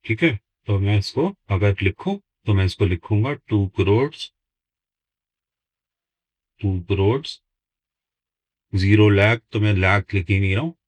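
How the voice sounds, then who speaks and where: A man's voice: on the low side, no echo, poor audio. A man teaching a maths lesson, explaining step by step and dictating numbers word by word as he writes them. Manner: slow, deliberate, dictates numbers word by word while writing.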